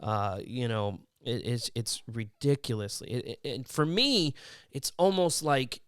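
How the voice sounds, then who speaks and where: A man hosting a casual podcast chat, an animated storyteller who acts out quotes in a high voice. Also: unhurried, clean tone, dry recording, studio quality. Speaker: podcast host.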